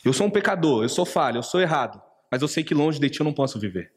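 An earnest man delivers a sermon, his voice sitting a little higher than most men's. He breaks into quoted asides that play out a taunting inner voice. The sound carries the long reverb of a church hall. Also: very animated, quick pace. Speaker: preacher.

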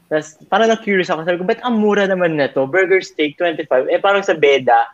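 A man's voice: high voice, fast talker. A young man chatting casually with friends, telling rambling anecdotes full of fillers and laughs. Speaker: storyteller among college friends. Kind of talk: casual chat. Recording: dull lo-fi recording.

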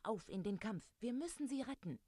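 A woman voicing a bold young boy hero who shouts cheeky taunts in a storybook reading. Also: on the high side, expressive, a little fast, no room sound, pitched above the performer's own voice. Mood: daring.

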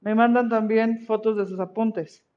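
A woman's voice: on the high side, steady tone, unhurried, narrow, tinny audio. A woman teaching an online class, encouraging her pupils and checking in with them often.

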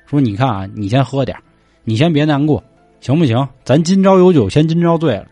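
A blunt, hard-drinking judge of the underworld, put on by a man, speaking a little lower than the storyteller's own voice. He swears freely and talks to his friend with rough brotherly banter. The voice sounds close and dry, with faint music behind. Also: animated, brisk, warm tone, no room sound, lightly acted. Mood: jovial.

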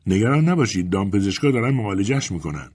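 A man voicing a harried woman animal-keeper in an audiobook, brisk and matter-of-fact, with a husky voice. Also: lowish voice, very animated, darkish tone. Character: tired, harried female animal-keeper and mother.

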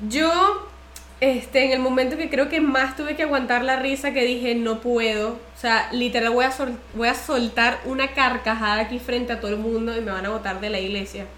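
A high, bright woman chats on a casual podcast. She tells stories with animated energy and slips into other people's voices as she goes. Her voice comes through a noticeably echoey room. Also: normal speed, slight background noise. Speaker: podcast co-host.

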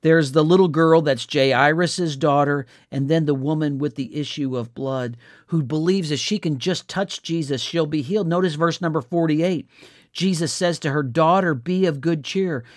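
A man gives a devotional teaching, walking earnestly through scripture passages. His voice sits a little higher than most men's. The sound is close and dry, with no room around it. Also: normal speed, no room sound. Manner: earnest, walks through verses.

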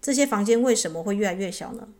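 A woman's voice: mid-range voice, animated, quick pace, mellow, close to an everyday voice. A woman voicing a stubborn, weary middle-aged male knight who protests indignantly in a spoken storybook. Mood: protesting.

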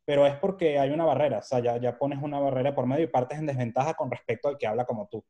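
A man's voice: medium pitch, quick pace, highs cut off. A man from Venezuela with a Venezuelan accent, a guest telling his story in a casual interview and acting out the dialogue in his anecdotes. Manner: animated storyteller who acts out quoted dialogue. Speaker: guest photographer.

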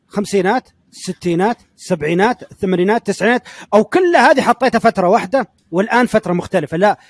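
A man's voice: high-pitched, a little mellow, no echo, clean studio sound. A man, co-hosting a sports podcast, who keeps interrupting and repeating his words. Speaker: podcast co-host. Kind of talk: heated casual sports debate.

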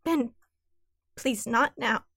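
A woman's voice: fairly high pitch, fairly bright tone, slightly rough, dry recording, studio quality, exaggerated voice. An actress playing a shaken young woman who stammers and halts. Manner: halting, stammering speech. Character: shaken young woman facing a hard truth.

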